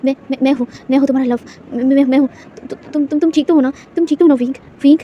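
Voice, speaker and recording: A woman's voice: high voice, steady tone, quick pace, highs cut off, a little hiss or hum, natural voice. A woman voicing a frightened young man who pleads tearfully with his lover, stammering and repeating his words. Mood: pleading. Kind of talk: storybook reading.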